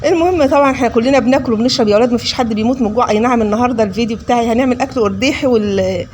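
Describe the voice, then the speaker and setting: Fast-talking Egyptian woman vlogger. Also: fairly high pitch, darkish tone, slight background noise. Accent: Egyptian Arabic. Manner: scolding, preachy; addresses viewers as "kids". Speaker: cooking vlogger. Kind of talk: casual chat while cooking.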